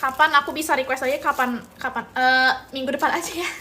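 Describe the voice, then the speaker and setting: A woman's voice: sits high, fairly even intonation, quick pace, sharp tone, slight background noise. A young woman from Indonesia hosting a live mukbang stream, chatting casually with viewers and teasing them, with playful repetition and bits of English. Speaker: mukbang livestreamer. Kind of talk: casual live-stream chat reading comments.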